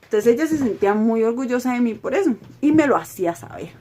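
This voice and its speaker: Girl in her 20s doing a storytime vlog, kinda high voice, emotional, keeps repeating stuff. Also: animated, quick pace, mellow. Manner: emotional, repetitive retelling. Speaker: vlogger. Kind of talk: personal storytime.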